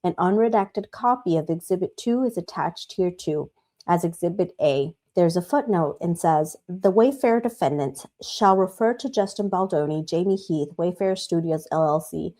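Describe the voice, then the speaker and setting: A woman reading court filings aloud as host, in a formal, measured manner. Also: fairly low pitch, warm tone. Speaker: host and reader.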